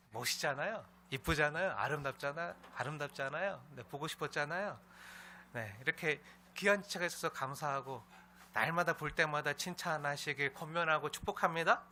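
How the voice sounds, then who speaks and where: A pastor with a medium-pitched voice preaches a sermon to his congregation in a church sanctuary, with slight background noise. He tells a story warmly, leaning on a habitual "ne" between phrases and doing scolding imitations.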